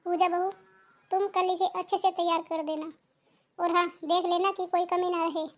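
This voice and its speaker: A woman's voice: very high voice, flat delivery, normal speed, muffled recording, voice pushed down. A woman voicing an older mother-in-law in a cartoon, who can sound stern but is mostly affectionate toward her daughter-in-law. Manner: scolding, then affectionate.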